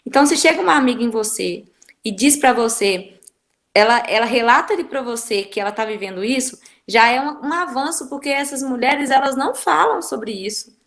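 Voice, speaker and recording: A woman's voice: a little high, lively intonation, brisk, a bit bright. A woman, a guest speaker giving earnest, instructive advice straight to the listener. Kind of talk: explanatory talk giving advice.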